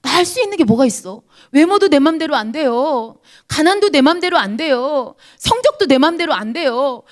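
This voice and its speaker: A woman, a pastor's wife, giving an earnest, confessional testimony to a church congregation. She speaks to the listeners directly and sometimes drops to a hushed whisper. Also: animated, normal speed. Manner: earnest confessional storytelling, dropping to a hushed whisper at low points.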